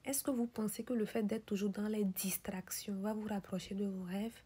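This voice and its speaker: A woman delivering a motivational speech in a whispery, breathy voice, pressing the listener with insistent rhetorical questions and repeated refrains. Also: mid-range voice, steady tone, moderate pace, dark tone. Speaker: motivational speaker.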